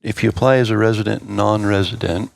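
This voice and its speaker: A man's voice: fairly low pitch, fairly even intonation, a little fast, gravelly, low-quality recording. A man co-hosting a podcast, asking questions and joking in an easygoing casual chat. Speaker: podcast co-host.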